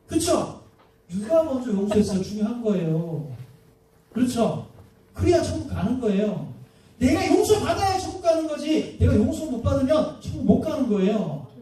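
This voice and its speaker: Male pastor, very high pitched, mellow tone, chatty sermon full of rhetorical questions; echoey church hall, mic at a distance. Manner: conversational preaching, frequent rhetorical questions to the congregation. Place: church sanctuary.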